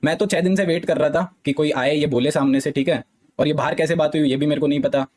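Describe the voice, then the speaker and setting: A man's voice: a little high, steady tone, fast talker, a little mellow. A young man, a gaming streamer, explaining a dispute insistently to his live-stream chat. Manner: insistent, repeats "theek hai" often.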